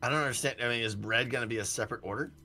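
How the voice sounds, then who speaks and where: A man playing a cooking game with a friend, teasing and getting excited as the action speeds up. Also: medium pitch, rapid-fire, faint music behind. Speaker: co-op gaming partner. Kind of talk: casual co-op gameplay chat.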